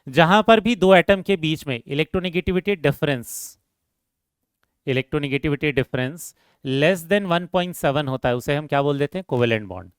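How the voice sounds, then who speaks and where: A man's voice: fairly high pitch, lively intonation, moderate pace, clean tone, dry recording, clean studio sound. A man teaching a chemistry lecture who asks the class questions and answers them himself, repeats key terms and calls his students "beta".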